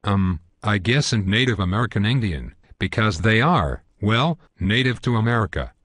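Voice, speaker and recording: A man's voice: on the low side, lively intonation, moderate pace, a bit bright, slightly rough, no echo, clean studio sound. A synthetic male voice playing a hesitant, reasonable guest in a scripted satirical cartoon interview, speaking earnestly and stiffly.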